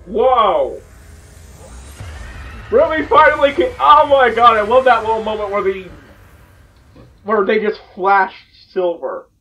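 Excitable young man reacting at home. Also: high-pitched, slow, pauses often, far from the mic, slight background noise, rough recording. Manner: excitable, loud outbursts, restarts mid-sentence. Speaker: reaction video host. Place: small indoor room at home. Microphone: headset.

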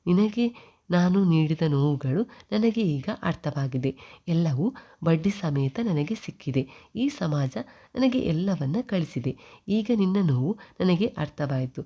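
A woman's voice: low-pitched, lively intonation, a little slow, breathy edge, dull audio, exaggerated voice. Woman voicing a tearful grieving widow. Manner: tearful pleading.

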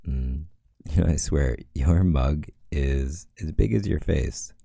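A man in a whispered role-play as a playful, teasing boyfriend, speaking softly and affectionately. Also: very deep voice, slow pace, vocal fry, no echo, studio quality. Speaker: audio role-play creator.

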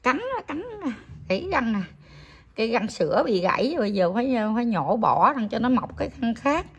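A middle-aged woman talks softly and pityingly to her dog at home, in a casual vlog. Her voice sits a bit high and sounds slightly husky. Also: expressive, fairly quick. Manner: pitying, fussing baby talk to the dog. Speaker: vlog host, grandmother to the dog. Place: home, indoors.

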